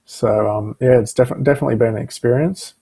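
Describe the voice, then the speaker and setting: A man's voice: medium pitch, fairly even intonation, fast talker, creaky, dark tone, slightly rough. A man, a drummer making his acting debut, talking in an easygoing, hesitant way on a video call. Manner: easygoing, hesitant with many ums. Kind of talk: casual video-call chat.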